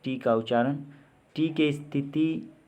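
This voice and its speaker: Male language teacher, unhurried lesson delivery, reads each word and its meaning slowly. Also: medium pitch, muffled recording. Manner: reads words with their Hindi meanings, one by one; slow and deliberate, repeats words. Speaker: English teacher. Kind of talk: spoken pronunciation lesson.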